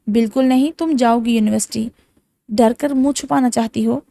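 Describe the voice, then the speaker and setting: A woman's voice: on the high side, fairly even intonation, close to an everyday voice. A woman reading a firm, caring older brother. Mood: firm, affectionate. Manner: firm then gentle. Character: caring older brother, young man, firm but affectionate.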